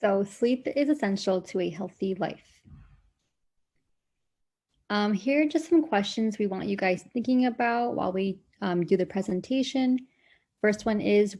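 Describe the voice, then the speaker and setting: A woman's voice: medium pitch, measured pace, dark tone. A woman in her twenties from Brooklyn, a nursing student reading a health presentation on a video call with small hesitations. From Brooklyn, New York, US. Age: 20s. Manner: reads statistics with small "um" fillers.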